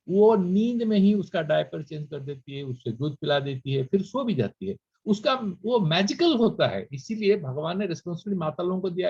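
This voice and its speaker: A man's voice: a little high, darkish tone, slightly rough, muffled recording. A man giving a spiritual lecture to students, slipping English phrases into his talk and reciting Sanskrit verses. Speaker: workshop speaker.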